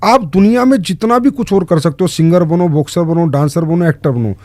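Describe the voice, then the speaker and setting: Emphatic man with a warm voice. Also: on the high side, a little fast, dry recording. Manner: emphatic, lists short commands. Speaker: guest in direct selling. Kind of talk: earnest interview answers.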